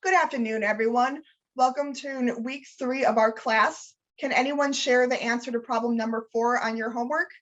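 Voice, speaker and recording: A woman reads a well-meaning male math professor who is awkward about pronouns. He addresses his class in a stiff, hesitant way, in a slightly high voice. The sound is dull and muffled, like online call audio. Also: fairly even intonation, moderate pace, close to an everyday voice. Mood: apologetic. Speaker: student leader reading a training scenario. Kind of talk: read-aloud role-play scenario.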